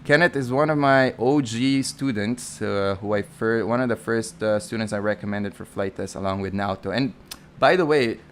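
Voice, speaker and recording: A young flight instructor from the Philippines rambles through a live Q&A stream with a Filipino accent, chatting, correcting himself and filling pauses with fillers. His voice is on the low side at a moderate pace, over slight background noise.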